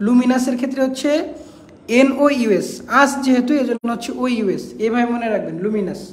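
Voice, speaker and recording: A woman's voice: on the high side, expressive, a little fast, echoey room, slight background noise. A woman teaching an English exam-prep class, spelling words out letter by letter and repeating the key points.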